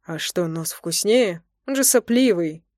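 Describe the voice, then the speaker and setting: A woman's voice: lowish voice, lively intonation, measured pace, a little mellow, no echo, clean studio sound. A woman voicing a playful young husband who teases his wife with an amused drawl in an audiobook. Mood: teasing. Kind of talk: audiobook character voice.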